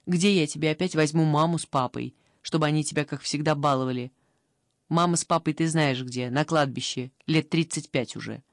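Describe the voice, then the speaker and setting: A woman's voice: deep voice, fairly quick, no echo, studio quality, voice pushed down. Woman doing a bossy, sensible older girl. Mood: reasoning. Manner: reasoning, scolding, matter-of-fact. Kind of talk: audiobook character voice.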